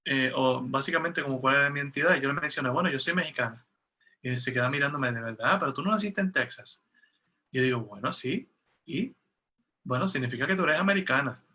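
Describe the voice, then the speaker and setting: Un hombre que interpreta una conversación en una videollamada y habla en tono conversacional, con muchas muletillas y frases que vuelve a empezar. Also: male voice, mid-range voice, fast talker, pushed and bright, husky. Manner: conversational, with frequent fillers and restarts. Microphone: video call.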